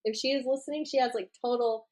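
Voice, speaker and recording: A woman co-hosting a podcast, chatty and quick to laugh. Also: fairly high pitch, steady tone, darkish tone. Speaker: podcast co-host. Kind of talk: casual chat.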